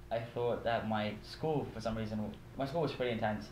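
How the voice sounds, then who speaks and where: A man's voice: fairly low pitch, moderate pace, darkish tone. A man in his twenties from Bahrain, a college student talking casually and self-deprecatingly in a documentary interview, peppered with "like". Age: 20s. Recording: echoey room, faint background noise.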